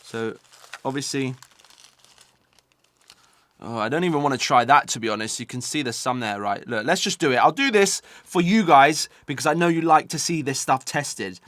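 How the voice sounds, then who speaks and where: A man from the United Kingdom hosting a taste-test video chats casually with viewers, munching sour candy and reacting to its sourness. He speaks at medium pitch and a moderate pace, slightly bright, with studio-quality sound and no echo.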